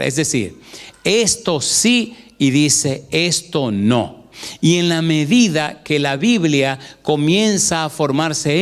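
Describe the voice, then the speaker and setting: A man preaching a sermon, his voice sitting somewhat high for a man. He keeps throwing questions out to the congregation. When he quotes scripture he slows down and draws the words out. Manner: asks the congregation call-and-response questions; quotes scripture in a slow, drawn-out cadence.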